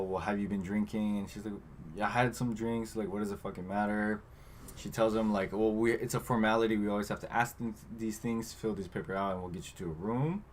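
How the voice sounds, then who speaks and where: A man with a fairly low voice talks through a movie's plot in a relaxed podcast chat. He drops in filler words and half-acts the characters' lines as he goes. A faint hiss of background noise sits under the voice. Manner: retells scenes loosely, acting out quotes with filler words. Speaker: podcast co-host. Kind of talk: casual movie recap chat.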